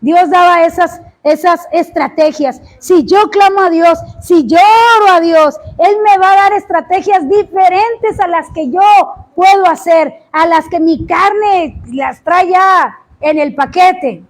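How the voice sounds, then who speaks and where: A woman preaching a sermon, impassioned, often rising to shouts and drawing out words for emphasis. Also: very high voice, a little slow.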